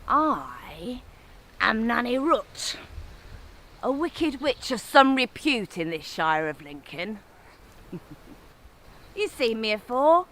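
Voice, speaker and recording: A woman's voice: fairly high pitch, very animated, takes it slowly, pauses often, a bit bright, heavily acted. A woman playing a scolding, taunting, gleefully wicked old witch of the woods with a northern English accent, in theatrical storytelling. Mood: gleefully menacing.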